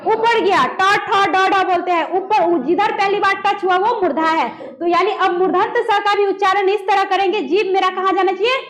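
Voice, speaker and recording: A woman's voice: extremely high pitch, steady tone, moderate pace, few pauses. A woman teaching a grammar lesson, demonstrating sounds aloud and quizzing her students. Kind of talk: classroom lesson on pronunciation.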